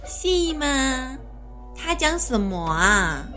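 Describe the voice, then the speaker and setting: A woman's voice: sits high, big pitch swings, very slow, sharp tone, heavily acted. A woman voicing a shrewd imperial consort who sees through schemes and coaxes the others along. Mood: knowing. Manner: knowing, coaxing. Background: background music.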